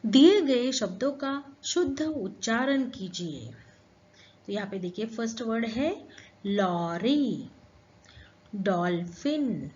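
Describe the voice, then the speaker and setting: Slow patient woman teaching grammar. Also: on the high side, dull audio. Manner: slow, patient explaining to children. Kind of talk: Hindi grammar lesson.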